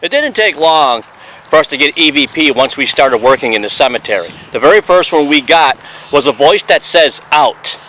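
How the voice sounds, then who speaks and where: A man's voice: a little high, expressive, moderate pace, bright, forceful tone, a little hiss or hum, rough recording. A man narrating his paranormal investigation as a voice-over, earnest and explanatory, building up each finding.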